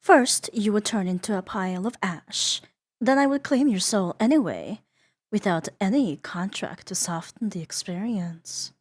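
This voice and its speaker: Sounding threatening and coaxing, a woman voices a seductive, playful, menacing she-demon in a roleplay ASMR audio drama, alternating between teasing and imperious lines and breathy whispers. Her pitch is medium, her delivery animated and a little slow.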